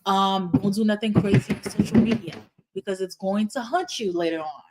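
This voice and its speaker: Heavy background noise surrounds a middle-aged Haitian woman, a guest who is an internal medicine hospitalist, as she answers interview questions. Her mid-range voice is brisk, and she explains earnestly with many "you know"s.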